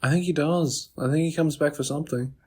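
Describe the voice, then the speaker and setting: A man's voice: fairly high pitch, a little fast, darkish tone, breathy edge. A man co-hosting a casual gaming podcast, mostly chiming in with short agreements and questioning asides. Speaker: podcast co-host.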